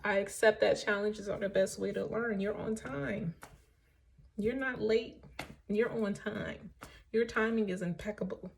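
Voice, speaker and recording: A woman's voice: mid-range voice, steady tone, unhurried, gravelly, a little hiss or hum. A woman giving a casual, emphatic tarot reading, encouraging and frank, checking in often with "right?" and "okay?" and swearing now and then. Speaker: tarot reader.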